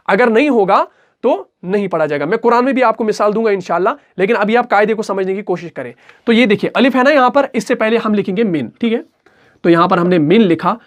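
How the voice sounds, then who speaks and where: A man teaching a recitation class, patient and repetitive, who asks questions and answers them himself. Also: high voice. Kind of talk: explanatory recitation lesson.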